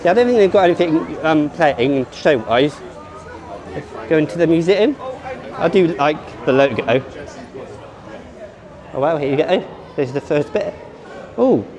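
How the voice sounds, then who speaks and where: A man's voice: fairly high pitch, lively intonation, measured pace, long pauses, a crowd in the background. A man giving casual, rambling vlog commentary at a theme park and then inside an exhibition. He thinks aloud, often restarts and corrects himself.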